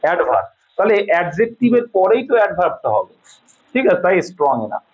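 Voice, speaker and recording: A man's voice: sits high, big pitch swings, fast talker, husky. A man with a Bengali accent teaching an English grammar lesson, patiently repeating points and checking that students understand. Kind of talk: classroom lesson, explaining sentence corrections. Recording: dull lo-fi sound.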